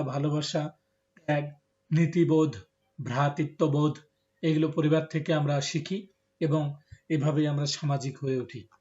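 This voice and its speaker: Male teacher, slow lecture. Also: fairly high pitch, a little mellow. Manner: explains slowly, with many "um" and "ah" fillers. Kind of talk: classroom lecture. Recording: dull lo-fi recording.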